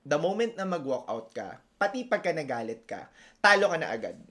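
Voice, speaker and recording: A man's voice: on the high side, big pitch swings, fairly quick, fairly bright tone. A man in his thirties with a Filipino accent, a teacher co-hosting a casual podcast, talking in a reflective, teasing way. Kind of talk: casual chat.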